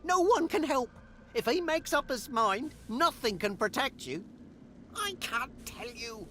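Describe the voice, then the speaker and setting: A man's voice: very high voice, expressive, measured pace, bright, forceful tone, a little hiss or hum, heavily acted. A man playing a craven, scheming old undead dwarf skeleton in a fantasy video game, theatrical as he swings between frantic pleading and ominous intoning. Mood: panicked.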